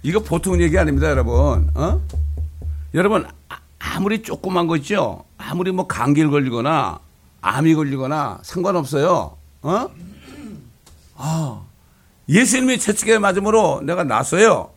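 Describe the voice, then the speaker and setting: A man preaching a sermon as a pastor, emphatic and often asking his congregation a quick question. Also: fairly high pitch, very animated, husky.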